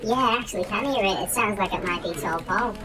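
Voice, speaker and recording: A woman playing a flat, unimpressed call handler in a comedy sketch. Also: medium pitch, quick pace, over loud music.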